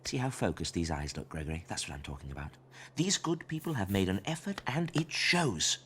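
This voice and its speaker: A man's voice: deep voice, sing-song, fairly quick, fairly bright tone, a little hiss or hum. A man voicing a solemn, faintly menacing pet-care professional in a cartoon, emphatic and self-satisfied. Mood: smug approval. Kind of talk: animated comedy voice acting.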